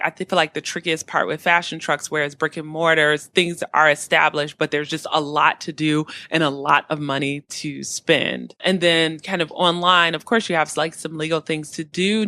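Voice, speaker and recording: A woman's voice: deep voice, fairly bright tone, dry recording. A woman co-hosting a podcast, chatting casually and filling her talk with "like" and "you know". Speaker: podcast co-host. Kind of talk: casual chat.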